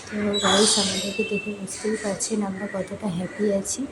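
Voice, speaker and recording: A young woman from West Bengal chats cheerfully to her viewers while vlogging, talking to them directly. Her voice is slightly hoarse, and her pitch sits in a middle range. Clear outdoor noise runs under her speech. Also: flat delivery, brisk. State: hoarse from swimming. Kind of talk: casual vlog narration. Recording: noisy outdoor ambience.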